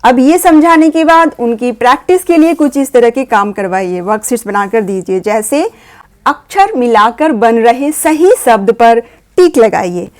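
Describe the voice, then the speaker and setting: A woman patiently explaining a grammar lesson to parents, slowly sounding out letters. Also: a little high, lively intonation, darkish tone. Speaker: teacher guiding parents.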